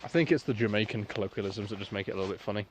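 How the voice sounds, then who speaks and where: A man's voice: fairly low pitch, very fast, slight background noise. A young man, filming himself outdoors on a phone while exploring a cold abandoned building, swearing and joking drily. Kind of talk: casual vlog chat. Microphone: phone camera.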